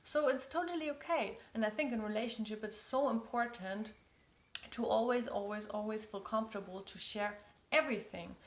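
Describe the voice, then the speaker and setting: This non-native English speaker, a woman with a German accent, coaches viewers on relationships with sincere advice delivered straight to camera. Her slightly high voice moves at a normal speed in an echoey room, and she doubles up words to stress her points.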